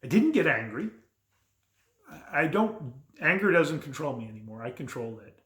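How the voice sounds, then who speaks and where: A man's voice: on the high side, lively intonation, moderate pace, a bit bright. A middle-aged man talking candidly and bluntly to camera as a men's coach, reflecting casually and often restarting his sentences. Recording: roomy echo.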